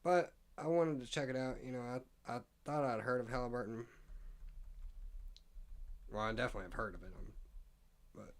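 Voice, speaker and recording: A man hosting a casual stock market live stream, thinking aloud as he reads prices and figures off the screen. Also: mid-range voice. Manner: reads text aloud with stumbles and asides. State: hiccuping.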